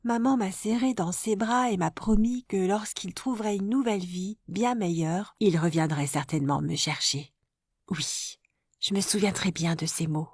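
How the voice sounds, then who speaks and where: A woman calmly narrating a first-person life story in a scripted, even storytelling voice. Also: mid-range voice, normal speed, husky, no room sound, clean studio sound.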